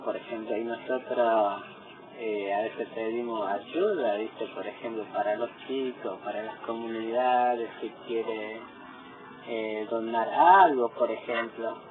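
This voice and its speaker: Hombre pausado, con sonido de teléfono. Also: male voice, medium pitch. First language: Mbyá Guaraní. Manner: halting, repeats "for example" often. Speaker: community leader and interpreter. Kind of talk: explaining and translating in conversation. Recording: tinny phone-like sound with music behind.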